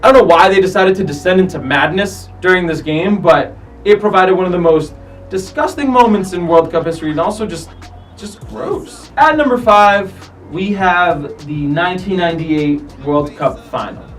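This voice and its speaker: A man's voice: high-pitched, moderate pace, distant mic, soft background music, poor audio. A man hosting a soccer countdown show, commenting casually and animatedly on footage, swearing freely. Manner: animated, profane, acts out players' lines.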